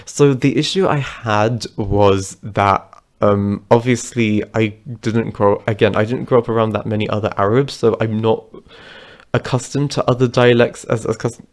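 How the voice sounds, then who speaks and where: This British twentysomething vlogger chats his way through casual personal anecdotes to camera, loose and rambling. His voice is on the low side and steady, at normal speed.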